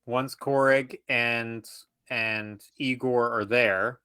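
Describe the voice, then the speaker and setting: Bright-voiced man playing a tabletop game. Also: mid-range voice, steady tone, extremely slow, clear, resonant tone, no room sound. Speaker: player. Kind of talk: casual tabletop play.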